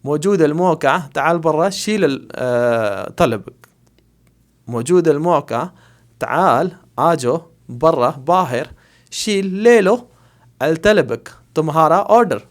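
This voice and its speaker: A man with a Pakistani Urdu accent teaches everyday phrases in a relaxed, conversational way. His voice sits a little high for a man. He says each phrase slowly, repeats it, and keeps asking whether the listener is following. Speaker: Arabic language teacher. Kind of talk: casual spoken language lesson.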